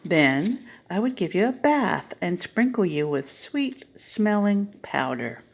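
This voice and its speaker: A woman's voice: mid-range voice, big pitch swings, slow pace, gravelly, a little hiss or hum, pitched above the performer's own voice, full character voice. A woman reading a picture book as a loving mother, tenderly reassuring her child. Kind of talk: picture-book read-aloud.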